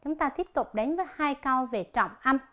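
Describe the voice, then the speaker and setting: A woman teaches an English lesson on television, with a voice that sits somewhat high. She works through each exercise in a slow, deliberate way and reads the answer options aloud one by one. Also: expressive, a bit bright.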